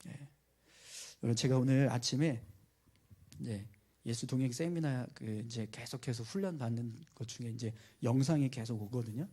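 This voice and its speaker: A man preaching a midweek sermon, telling stories in a colloquial, animated way. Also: mid-range voice, normal speed, slightly rough. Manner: colloquial storytelling, animated emphasis. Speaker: pastor.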